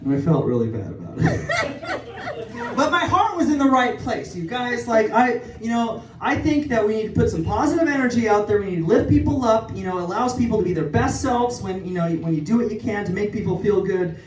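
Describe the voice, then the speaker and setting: A man's voice: high voice, a little fast. Young man doing self-deprecating stand-up. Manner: self-deprecating, rambling, animated asides. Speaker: stand-up comedian. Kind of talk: stand-up comedy set. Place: comedy club stage. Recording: echoey club from far off, with crowd. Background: audience laughter.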